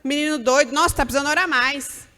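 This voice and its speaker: Woman mimicking a shrill scolding mother. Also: pushed and bright, long reverb tail. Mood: shocked scolding. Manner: exasperated rapid scolding.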